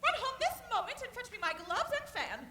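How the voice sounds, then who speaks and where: A frantic, bossy rabbit gentleman, very high, with a voice that leaps all over. Sharp and bright in tone. The sound is echoey. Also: very animated, fairly quick, a little hiss or hum, exaggerated voice. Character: fussy, anxious male rabbit servant.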